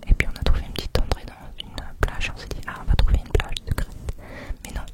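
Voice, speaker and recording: Woman whispering, quiet at night. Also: quick pace. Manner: chatty, rambling, informal with repeated words. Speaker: vlogger. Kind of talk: whispered ASMR travel vlog narration.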